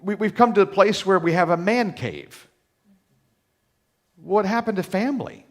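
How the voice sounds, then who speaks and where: A man preaching a sermon in a church, folksy and animated, acting out little quoted voices and repeating words as he starts a thought. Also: sits high, moderate pace. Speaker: pastor. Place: church sanctuary.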